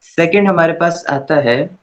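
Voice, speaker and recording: A male teacher explains grammar to his class with patient, step-by-step care, often pausing to check that everyone is following. His voice sits a little high for a man. The recording is dull and lo-fi. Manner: patient, repeats "okay" to check understanding. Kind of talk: online class lecture.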